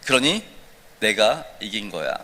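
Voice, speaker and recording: A man's voice: lowish voice, big pitch swings, measured pace, bright, forceful tone, voice pushed down, full character voice. A man voicing a sly devil who bargains and taunts, with a long church reverb. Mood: gloating. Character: sly tempting male devil, scheming and smug.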